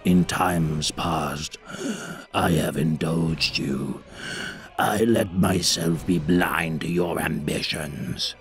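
A male narrator doing a menacing rasping warlord: very deep, slow, gravelly. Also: fairly even intonation, soft background music, heavily acted. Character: grim towering male warlord, cold and commanding. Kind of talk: audiobook character voice.

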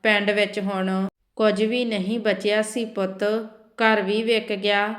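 Woman reading as a gentle, forgiving old mother. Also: mid-range voice, flat delivery, measured pace, lightly acted. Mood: tender.

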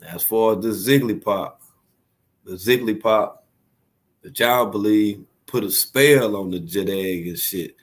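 A low-pitched man hosts a reaction commentary with a mocking edge. He rants in slang and breaks into loud laughter. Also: a little slow, slightly rough. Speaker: host.

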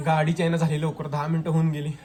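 A man's voice: a little high, monotone, fast, a crowd in the background. A man vlogging casually at a family home, playfully coaxing the children to talk. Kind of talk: casual home vlog chat.

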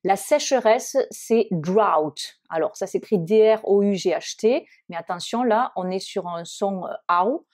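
A woman teaching English vocabulary in French, with many hesitant fillers, slowing down to model each English word. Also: medium pitch, darkish tone. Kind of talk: vocabulary lesson.

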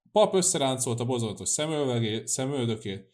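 A man narrating a classic novel in a steady, measured reading voice. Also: mid-range voice. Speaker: audiobook narrator. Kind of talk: scripted narration.

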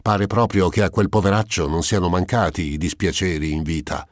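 A man's voice: deep voice, steady tone, no echo, studio quality, pitched above the performer's own voice, lightly acted. A man voicing a blunt, offhand widow who runs a boarding house, in an audiobook. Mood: brisk. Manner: brisk, offhand. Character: blunt older widow landlady.

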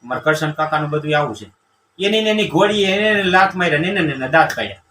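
Male comedian, folksy and bright, far off the mic in a roomy space. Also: fairly high pitch, quick pace, some chatter behind, a little hiss or hum. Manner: animated, acts out quoted villagers. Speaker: comedian telling jokes. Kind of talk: folksy comic storytelling. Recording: roomy, distant mic with faint ambience.

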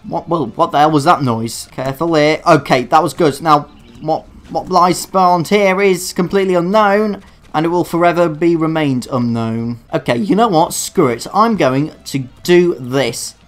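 A man commentating his own gameplay in a dark room, swearing at his failures and making sarcastic, self-mocking asides. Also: on the high side, moderate pace. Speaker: let's play gamer. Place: dark room alone at a computer.

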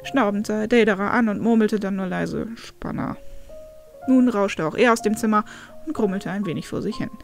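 A woman's voice: medium pitch, a little fast, creaky, faint music behind. Woman reading a story aloud. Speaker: narrator. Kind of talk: reading fan fiction aloud.

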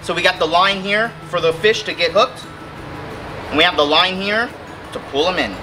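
A man in his thirties hosting a fishing vlog outdoors under a bridge by the water, chatting and joking with bursts of excitement. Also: high-pitched, moderate pace, poor audio. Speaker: fishing channel host. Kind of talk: casual outdoor vlog chat. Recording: background music under the talk. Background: music.

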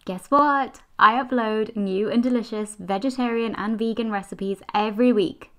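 A woman's voice: a little high, moderate pace. Upbeat young woman cooking host. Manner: upbeat, chatty, slangy. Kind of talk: casual recipe talk to camera, then voice-over narration. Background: soft background music.

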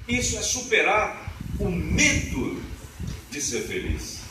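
A man in his fifties with a booming, resonant voice, giving an animated live motivational lecture with chatty asides. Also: takes it slowly, noisy background. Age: 50s. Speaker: motivational speaker. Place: lecture hall of a spiritist association. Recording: echoey hall from far off, music behind.

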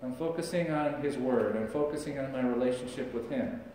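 A man's voice: medium pitch, fairly quick, warm tone, recorded from a distance, a little hiss or hum. A middle-aged man preaching a sermon as pastor, talking in a conversational way and gesturing as he speaks. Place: church sanctuary, large indoor room. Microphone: far camera, no visible mic. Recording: echoey church recorded from afar.

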